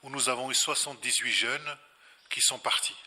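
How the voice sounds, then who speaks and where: A man's voice: medium pitch, fairly even intonation, moderate pace, pushed and bright. A man speaking as an invited scholar at a public talk, explaining reflectively and didactically, repeating phrases for emphasis. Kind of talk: explanatory spontaneous lecture answer. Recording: reverberant hall.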